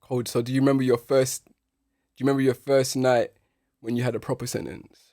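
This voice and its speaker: A man's voice: mid-range voice, little pitch movement, brisk, dark tone, dry recording, clean studio sound. A man with a London accent hosting a casual interview in street slang, often repeating words as he prompts. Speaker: podcast host.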